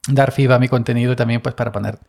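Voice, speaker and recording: A man's voice: medium pitch, creaky, a little mellow. A man from Andalusia, talking casually on his own podcast in a rambling, self-deprecating way with many fillers and restarts. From Andalusia, Spain. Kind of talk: casual solo podcast monologue.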